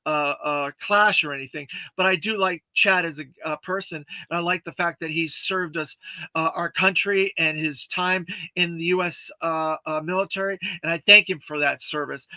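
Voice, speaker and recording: A man hosting a toy review livestream, chatting casually and reading viewer comments, halting with many fillers and thanking viewers earnestly. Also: high voice, pushed and bright, dry recording. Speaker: toy review show host.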